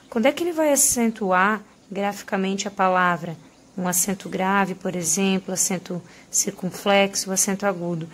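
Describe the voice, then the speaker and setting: A woman's voice: mid-range voice, a little hiss or hum. A woman teaching a grammar lesson, explaining rules step by step and stressing the example words.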